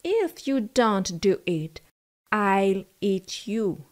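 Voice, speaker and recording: A woman's voice: medium pitch, big pitch swings, extremely slow. A woman voicing a sly, menacing male wolf in a storybook who fakes a mother's voice and talks in a coaxing manner. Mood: threatening. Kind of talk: storybook narration.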